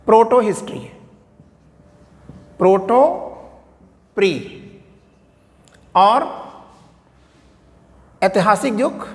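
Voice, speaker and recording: A man's voice: high-pitched, vocal fry, a bit bright, big-room sound. A man teaching a history lesson. He asks questions aloud, answers them himself, and keeps checking in with his students. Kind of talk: classroom lecture.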